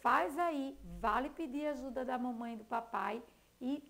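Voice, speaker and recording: A woman teacher from Brazil giving a recorded lesson to young children, spelling out letters one by one in a slow, sing-song way. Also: high-pitched, a bit bright. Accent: Brazilian Portuguese.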